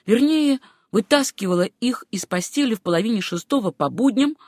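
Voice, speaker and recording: Woman narrator, audiobook reading, lively pitch, dry close sound. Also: no echo.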